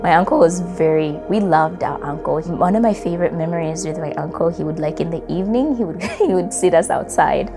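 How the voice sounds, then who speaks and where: A woman's voice: on the low side, brisk, hardly any pauses. A young woman from Congo telling a personal story in an interview, reflective and loose, with many fillers. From Democratic Republic of Congo. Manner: reflective, with frequent fillers and soft laughs. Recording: music playing underneath.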